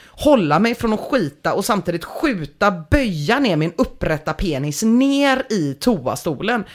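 A woman host reading a story aloud and commenting on it, laughing as she goes. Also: fairly low pitch. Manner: animated, laughing through the story.

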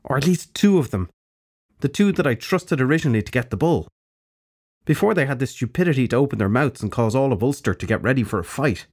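A man's voice: mid-range voice, lively intonation, quick pace, darkish tone, slightly rough, voice pushed up. A man reading an audiobook, voicing a proud, fierce warrior queen who speaks tersely and impatiently.

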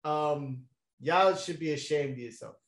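In an echoey room, a young man with a fairly high voice tells a long story during a casual chat, speaking a bit slowly. He's relaxed and slangy, dropping in plenty of fillers and laughter.

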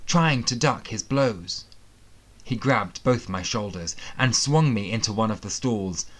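A man with a fairly low voice reads a fantasy thriller audiobook in the first person. His delivery is steady and dramatic, built for storytelling. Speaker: audiobook narrator. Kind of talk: first-person scripted narration.

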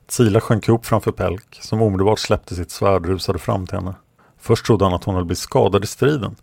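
A man narrating his own fantasy book in a calm, measured way. His voice is low with a gravelly rasp, recorded close and dry with no room sound. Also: no echo. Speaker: author and podcast narrator. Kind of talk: audiobook narration.

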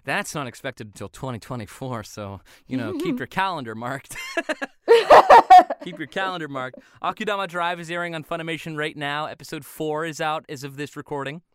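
A young man talks casually as a podcast guest and laughs easily. His voice is clear and smooth, a touch high for a man, and it moves up and down a lot. The sound is close and dry. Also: expressive, fairly quick, few pauses, sharp tone, no room sound. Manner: chatty, laughs often, drops into character voices. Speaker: voice actor guest.

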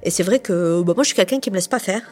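A woman from southern France telling a personal story in a casual, lively way. She uses lots of fillers and acts out the people in her story. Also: fairly low pitch, quick pace, faint music behind. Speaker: storyteller recounting a past relationship.

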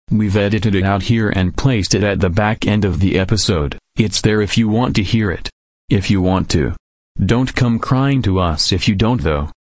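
A computer-made male robot voice reading a scripted aside in a flat, deadpan way. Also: on the low side, no echo, clean studio sound. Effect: synthetic text-to-speech robot voice. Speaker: editor's inserted announcer.

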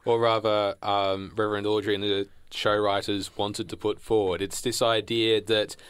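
A man's voice: lowish voice, level tone, normal speed, a bit bright, smooth, no room sound. A man co-hosting a casual podcast, speaking in a wry, slightly formal, correcting manner. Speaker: podcast co-host. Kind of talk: casual chat.

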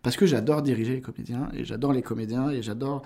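A man in his thirties, guesting on a casual podcast, talking at a middling pitch. He explains his craft at length, full of hesitations and fillers. He laughs easily and stays animated. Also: quick pace. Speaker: voice actor guest.

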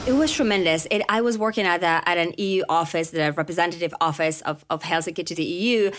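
A woman chats as a podcast guest, her voice sitting a little low for a woman. She talks in a loose, easygoing way, often checking in with "right?" and "you know". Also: fast talker, very noisy. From Finland. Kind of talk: conversational interview.

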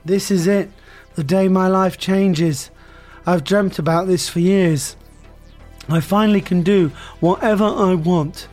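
Man doing a nasal, excited scruffy young guy. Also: high-pitched, unhurried, soft background music, voice pushed up.

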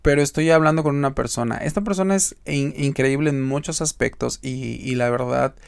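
A man's voice: mid-range voice, fairly quick, vocal fry, clear, resonant tone, dry recording. A man with a Mexican accent hosting a podcast, talking straight to the listener in a chatty, emphatic way as he gives advice. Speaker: podcast host. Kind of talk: casual advice monologue.

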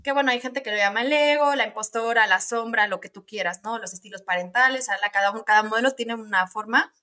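A woman's voice: a little high, fast. A woman, a guest on an interview podcast, talking energetically and conversationally. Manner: energetic, chatty, peppers speech with "ok" and "¿no?". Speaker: podcast guest, neuropsychologist and coach.

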